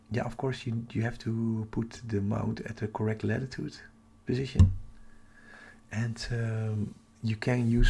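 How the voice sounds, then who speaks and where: An astronomy livestream host chats casually with viewers in a hushed, half-whispered, creaky voice. He keeps his voice low because the household is asleep.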